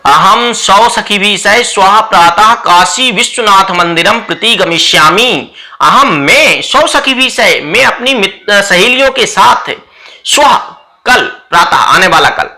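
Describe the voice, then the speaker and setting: A man teaching a Sanskrit play line by line, reading each line and explaining it in Hindi with quick questions to his class. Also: high voice, expressive, sharp tone.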